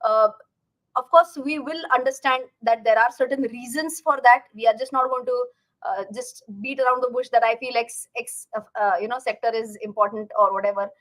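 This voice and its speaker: A woman's voice: fairly high pitch, fairly even intonation, normal speed, a bit bright, poor audio. A woman with an Indian accent hosting a casual livestream as a finance educator, chatting directly to viewers and repeating words for emphasis.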